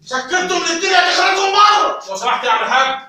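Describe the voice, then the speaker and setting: A man's voice: very high voice, expressive, rapid-fire, exaggerated voice. A man playing a rowdy bumbling doctor. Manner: loud, bossy, frequently shouting. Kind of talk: stage comedy sketch. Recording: echoey stage from far off.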